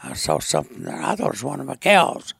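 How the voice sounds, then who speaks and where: Gravelly old man with an Ozark mountain drawl. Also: fairly high pitch, huge pitch swings, fairly bright tone, no room sound, studio quality. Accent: rural Arkansas Ozark mountain, Appalachian-like. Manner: halting, plainspoken, rustic grammar. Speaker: storyteller being interviewed. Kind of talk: folksy oral storytelling.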